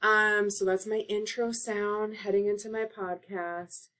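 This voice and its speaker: Woman teacher-librarian, chatty how-to tutorial, laptop mic, relaxed with lots of ums. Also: medium pitch, a little slow. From Oregon. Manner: casual, filler-heavy instruction. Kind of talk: screen-share tutorial. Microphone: laptop microphone.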